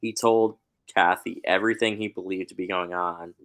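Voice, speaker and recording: Male podcast co-host, blunt casual chat; very deep, slow, sharp-edged tone. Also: steady tone. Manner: blunt, laughs and swears.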